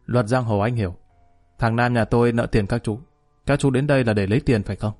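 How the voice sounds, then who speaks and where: A man's voice: medium pitch, fairly even intonation, brisk, a little mellow, soft background music, natural voice. A man voicing a stern, hard-hearted older father who speaks coldly and scoldingly. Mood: probing. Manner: cold, cutting, scolding.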